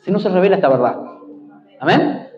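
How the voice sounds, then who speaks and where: A high-pitched Argentine man preaching to his congregation. He drives his points home by repeating phrases and asking for amens. The recording sounds dull and lo-fi, with a faint hiss underneath. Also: very animated, brisk. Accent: Argentine Spanish. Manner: emphatic, repeats key phrases, calls out for amens. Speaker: pastor. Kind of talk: preaching a sermon.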